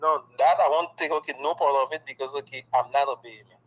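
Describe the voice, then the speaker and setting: A man's voice: on the high side, fast talker, highs cut off. A man from Haiti who speaks natively, answering interview questions in a candid, emphatic way and filling his talk with "okay.". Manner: excited, emphatic, peppers speech with "okay".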